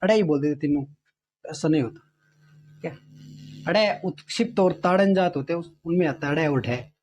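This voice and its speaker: A man with a slightly raised voice teaching Hindi grammar for competitive exams. He explains each point step by step, slows down to sound out letters, and keeps checking in with his class. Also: on the high side, a little mellow. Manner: repeats sounds slowly to demonstrate them. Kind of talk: exam-prep lesson.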